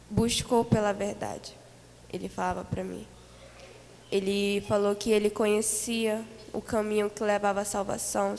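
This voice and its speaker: A Brazilian woman recounts a vision in an earnest, repetitive way, her voice a little gravelly and her pitch kept flat. She speaks in a church hall with a long echo and faint background hiss. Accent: Brazilian Portuguese. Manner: earnest, repetitive storytelling with many fillers. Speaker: church member giving testimony. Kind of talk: spoken testimony of a vision.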